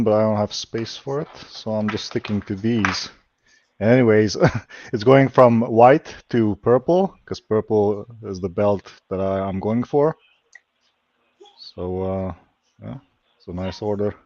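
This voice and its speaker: A man from Slovakia, speaking English as an in casual chat, halting and searching for words. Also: fairly low pitch, a little mellow, no room sound. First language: Hungarian. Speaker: lockpicking livestream guest. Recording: dull lo-fi stream audio.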